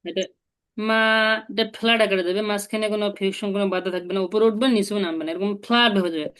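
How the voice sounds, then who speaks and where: A woman's voice: medium pitch, fairly even intonation, very fast, clear, resonant tone. A woman, teaching a language lesson and patiently explaining each step. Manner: patient, explains step by step and asks the learner to repeat.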